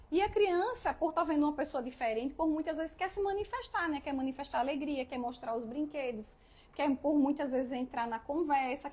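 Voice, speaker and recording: A young woman with a high voice hosts a live stream of parenting advice. She talks in an earnest, lively way, and she often checks in with her listeners by asking "né?". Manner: earnest, animated, often asks "né?". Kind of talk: casual live-stream talk.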